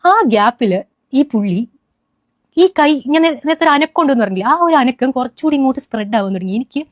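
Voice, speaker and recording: A young woman speaks, telling her account to an interviewer in an animated way with frequent restarts. Her voice sits fairly high and she talks very fast. The recording is dry and close. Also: dry recording. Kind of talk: first-person account to a news interviewer.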